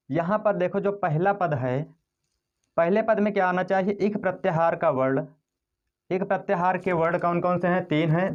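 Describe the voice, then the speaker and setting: A man's voice: high voice, lo-fi sound. A male teacher giving a step-by-step grammar lesson, asking his students questions and then answering them himself. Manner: repetitive, step-by-step explaining. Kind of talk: classroom-style grammar lesson.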